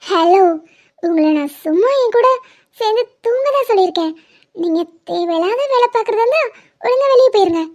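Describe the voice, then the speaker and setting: A woman voicing a playful, teasing pregnant young wife in an animated cartoon. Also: very high voice, fairly quick, highs cut off. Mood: playful bossy. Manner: teasing, bossy, affectionate.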